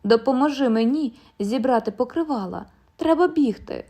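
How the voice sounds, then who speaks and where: A woman's voice: mid-range voice, steady tone, moderate pace, warm tone, natural voice. A woman voicing an anxious wife who urges her husband to leave and pleads with him. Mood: eager. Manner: urgent, pleading.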